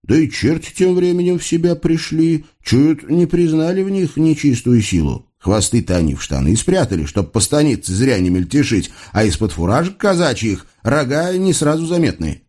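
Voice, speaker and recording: Lively male folk-tale narrator. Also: a little high, normal speed, few pauses. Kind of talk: expressive audiobook narration.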